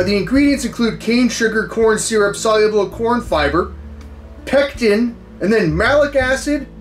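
Male American challenge vlogger, thirties, high voice, halting casual delivery with deadpan swagger, music behind. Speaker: food challenge video host. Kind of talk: casual to-camera challenge talk. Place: small indoor room full of memorabilia.

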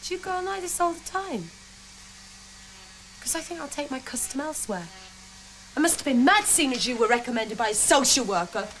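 A woman's voice: high-pitched, big pitch swings, fairly quick, long pauses, fairly bright tone, a little hiss or hum, rough recording. An actress with a British accent playing a blunt, sarcastic young mother who distrusts officials, in a television drama. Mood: combative, sarcastic. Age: young adult. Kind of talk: naturalistic television drama acting. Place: small offices indoors.

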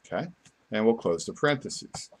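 A man's voice: fairly low pitch, animated, moderate pace. A man narrating a step-by-step screen tutorial as an instructor, explaining things informally and without a script.

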